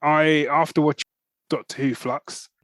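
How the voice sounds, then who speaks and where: A man with a slightly high voice and fairly even intonation speaks unhurriedly while co-hosting a podcast. His casual, enthusiastic talk rambles with many restarts, captured in a dry, studio-quality recording.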